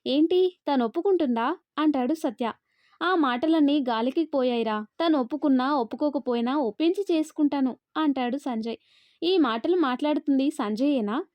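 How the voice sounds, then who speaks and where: A woman narrating a love story and reading every character's lines in one steady, quick delivery. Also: high-pitched, dry recording, dull audio. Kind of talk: scripted narration of a love story, all parts read by one voice.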